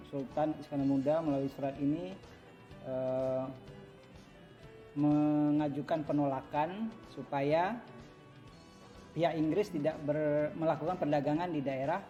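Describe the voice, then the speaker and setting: A man's voice: on the high side, mellow. Man explaining an exhibit, dull lo-fi sound. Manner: explanatory, with hesitant fillers. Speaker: museum guide. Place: museum exhibition hall.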